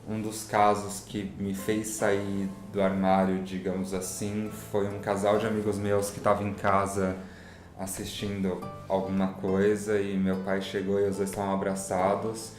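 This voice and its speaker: A man speaks reflectively and with some hesitation, his voice low. Guitar music plays clearly behind him in an echoey room. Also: monotone, measured pace. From São Paulo, Brazil. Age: 20s. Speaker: interviewee. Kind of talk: personal testimony.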